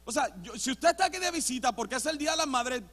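A man with a strikingly high voice preaches a sermon that mixes in personal testimony, emphatic and moving between loud and hushed delivery. His voice carries a long reverb from the church sanctuary, as if heard across a big hall. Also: expressive, quick pace. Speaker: pastor.

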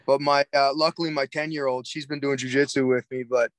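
A man's voice: medium pitch, level tone, a little fast, no room sound. A man from Cape Breton with a Cape Breton accent, chatting casually and bluntly as a podcast guest, swearing freely. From Cape Breton Island, Nova Scotia, Canada. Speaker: podcast guest, jiu-jitsu coach. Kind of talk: casual chat.

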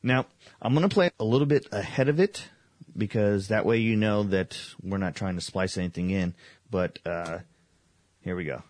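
A man's voice: fairly low pitch, moderate pace, darkish tone, dry recording. A man hosting a paranormal radio show, talking casually. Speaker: host of a paranormal radio podcast.

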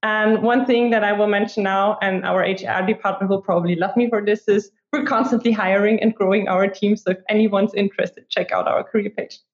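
Speaking fairly quickly with few pauses, a woman in her twenties keeps a steady tone and medium pitch as she chats informally as a podcast guest. She works as an app marketer, is a native German speaker with an Austrian accent, and often says "like." The sound is muffled and roomy from remote recording.

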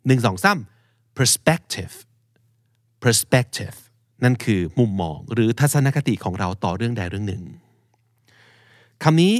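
A man's voice: on the low side, lively intonation, dry recording. Dry-voiced man teaching English word stress. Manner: explains slowly, drills English words, quizzes listeners on syllable stress. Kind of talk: podcast vocabulary lesson.

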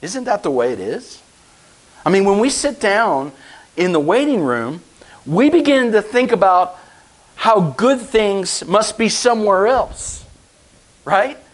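Guy preaching a sermon, high voice, slow and chatty, keeps asking right?. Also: sing-song, low-quality recording. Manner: conversational, asks the congregation rhetorical questions. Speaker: pastor.

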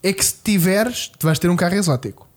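A man's voice: high voice, expressive, fast talker. A man with a European Portuguese accent bantering informally about cars, in a teasing way, as a panelist. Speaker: panelist on a car talk show.

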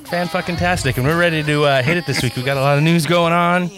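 A man's voice: fairly high pitch, quick pace, music in the background. A man hosting a casual talk show, reading sponsor plugs and bantering playfully. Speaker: podcast host.

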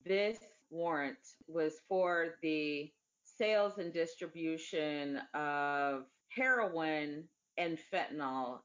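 Slow-talking woman giving an interview account. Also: deep voice, highs cut off.

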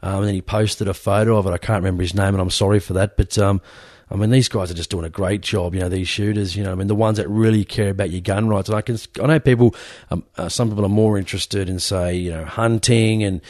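A man's voice: on the low side, steady tone, quick pace, a little mellow, no echo, clean studio sound. An Australian man hosting a podcast, chatting casually in a blokey, matey, rambling way. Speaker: podcast host. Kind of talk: casual interview chat.

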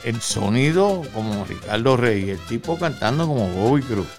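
An older man, a guest on a radio show, telling anecdotes in a relaxed way, with many pauses and fillers. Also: medium pitch, soft background music. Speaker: guest singer.

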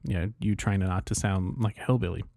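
A man's voice: low voice, fairly quick, creaky, darkish tone, no echo, clean studio sound. A man chatting casually as a podcast co-host. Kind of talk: casual chat.

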